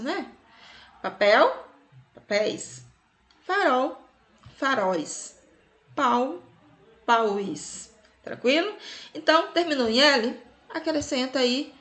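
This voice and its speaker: A woman's voice: high-pitched, fairly bright tone. A Brazilian woman teaching grammar rules, explaining patiently and checking in with "ok?" after each point. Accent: Brazilian Portuguese.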